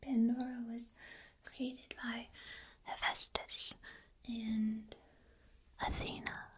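Slow, whispering ASMR woman. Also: on the high side, level tone. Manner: soft, slow, deliberate whispering. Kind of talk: whispered ASMR analysis of a video game. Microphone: binaural microphone, ear to ear.

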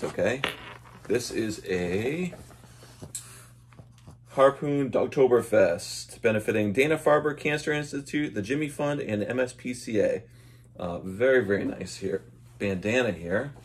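A fairly low-pitched man in his thirties, a vlogger with a dog, chats loosely and a little hesitantly through an unboxing at home. The camera mic sits at arm's length in his small room and picks up a little hiss or hum.

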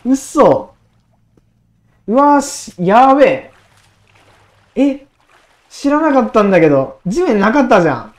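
Excitable young woman narrating her gameplay. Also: on the high side. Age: 20s. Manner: excitable, talks to herself, repeats words in quick bursts. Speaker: gaming YouTuber. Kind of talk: casual gameplay commentary.

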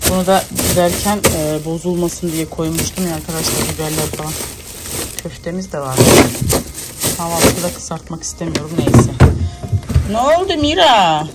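A woman's voice: sits low, flat delivery, normal speed, heavy background noise. A woman in her thirties, a mother and home vlogger, chatting casually while she cooks, muttering little asides to herself. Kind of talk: casual vlog chat while cooking. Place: home kitchen.

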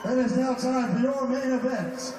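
A man working as an arena announcer, introducing boxers in booming, drawn-out shouts. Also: noisy background. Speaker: ring announcer. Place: large event hall, heard through a television. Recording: echoey distant television playback, music behind.

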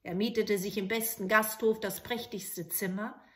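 A woman telling a fairy tale aloud, calm and clear, as a bedtime story. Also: mid-range voice, normal speed.

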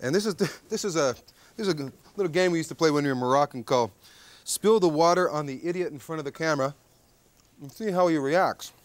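A fairly high-pitched man talks fast while hosting a TV cooking segment at an outdoor backyard grill deck. He's in his thirties, chatty and playful, and likes to tag his sentences with "okay?"

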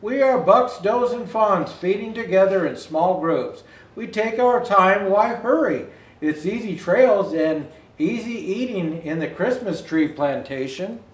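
Playing a Santa storyteller, an older man reads a children's picture book aloud, expressive and a little slow, turning now and then to speak to viewers. His voice sits high, and the indoor space echoes noticeably.

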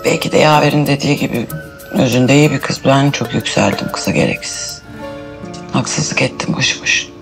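An actress playing an excitable, quick-tempered pregnant housewife who talks to herself a lot. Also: female voice, a bass voice, vocal fry, over music. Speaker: pregnant wife. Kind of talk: TV drama acting.

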